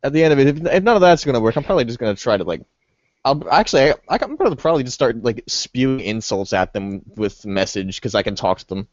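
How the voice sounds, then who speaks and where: A man's voice: medium pitch, expressive, quick pace, dry recording. Rambling young man at a game table. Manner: rambling, full of restarts and likes. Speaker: player. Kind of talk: casual chat at a game table. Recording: dull lo-fi recording.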